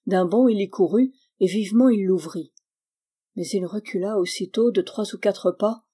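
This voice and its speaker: A woman narrating a classic novel as an audiobook reader, in a steady, even storytelling manner. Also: medium pitch, normal speed, slightly rough. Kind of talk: scripted narration.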